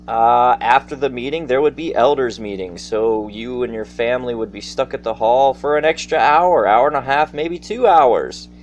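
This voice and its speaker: At a moderate pace and hardly pausing, a man with a mid-range voice tells personal stories over faint background noise. His casual monologue addresses listeners directly, theatrical and folksy in manner.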